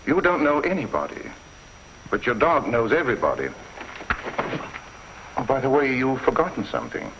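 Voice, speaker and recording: An actor playing a shrewd police inspector in a 1950s TV crime drama, measured, dry and quietly probing. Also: male voice, mid-range voice, very animated, background noise. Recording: dull lo-fi 1950s TV soundtrack.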